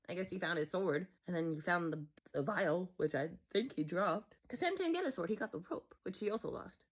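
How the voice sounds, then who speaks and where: A woman's voice: medium pitch, breathy edge. A young American woman hosting a movie reaction, rambling casually, swearing and sometimes dropping to a whisper. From United States. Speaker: movie reaction channel host.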